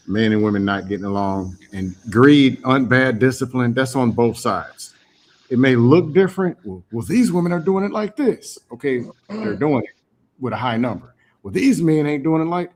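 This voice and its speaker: A man hosting a heated podcast debate, pushing back with pointed questions. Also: medium pitch.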